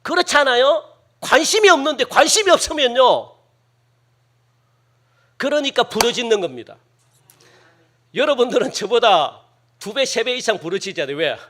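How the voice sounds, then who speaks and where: A male pastor preaching a sermon, questioning his congregation and acting out loud, pleading prayers with strong emphasis. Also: very high-pitched, lively intonation, moderate pace, long pauses.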